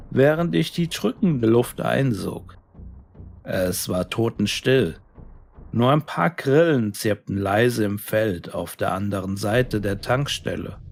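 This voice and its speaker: Man, slow pacing, gravelly fry, dramatic suspense narration of a scary story. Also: lowish voice. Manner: deliberate, suspenseful, dramatic delivery. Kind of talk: scripted first-person horror story narration.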